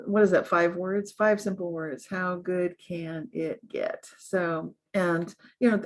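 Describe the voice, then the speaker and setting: A woman guest in an interview, talking earnestly and upbeat, often laughing and growing animated as she gives advice. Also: mid-range voice. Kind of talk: conversational interview.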